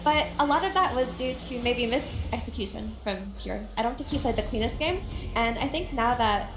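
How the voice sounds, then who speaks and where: Brief: female analyst, slightly high voice, calm explaining, music bed and room echo. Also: moderate pace. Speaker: esports analyst. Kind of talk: casual game analysis.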